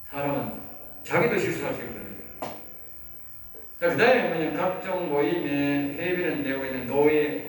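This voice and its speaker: A man with a Gyeongsang Korean accent, a pastor lecturing a seminary class. He talks emphatically, repeats key phrases and keeps checking that his listeners follow. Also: medium pitch. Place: church lecture room. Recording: very echoey room, mic at a distance, faint background noise.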